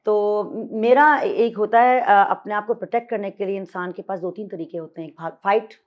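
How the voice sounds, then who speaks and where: A woman's voice: mid-range voice, normal speed, lo-fi sound. A woman in her fifties, a podcast guest, speaking candidly and reflectively in a mixed Hindi-Urdu and English conversation, with emphatic repetition. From Pakistan.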